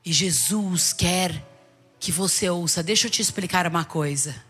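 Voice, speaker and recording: A middle-aged Brazilian woman bishop preaching to a congregation, animated, with rhetorical questions and calls for the people to repeat after her. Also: on the low side, a little slow, slightly rough, faint music behind. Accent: Brazilian Portuguese. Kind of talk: sermon.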